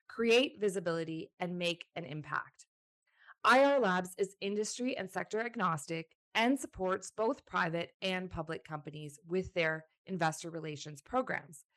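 A woman's voice: lowish voice, fairly bright tone. A woman hosting an interview podcast, reading introductions and asking questions with upbeat enthusiasm. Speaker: podcast host.

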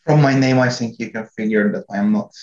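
A middle-aged man from Hungary, a company IT chief answering interview questions in a measured, slightly halting way. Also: on the low side, a little mellow. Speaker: guest, company CIO. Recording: roomy, dull-sounding remote line.

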